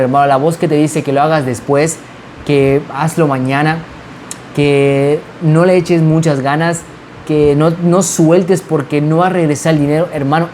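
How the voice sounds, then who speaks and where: A man's voice: a little high, a little mellow, slight background noise. A man giving an insistent, repetitive motivational monologue. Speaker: motivational speaker.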